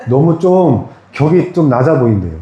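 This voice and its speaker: Man preaching, conversational, mellow tone, slightly high voice, echoey church room. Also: sing-song, normal speed, highs cut off. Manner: conversational, asks the congregation questions. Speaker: pastor. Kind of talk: sermon. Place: small church.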